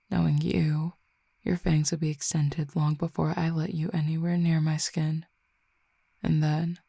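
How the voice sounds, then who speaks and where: A woman gives a heavily acted performance as a teasing, dominant fallen Cupid, not human, in an audio roleplay. The voice is low and dark with a gravelly texture, kept level, and it moves slowly and closely toward the listener, slipping into whispers at times. There's no echo.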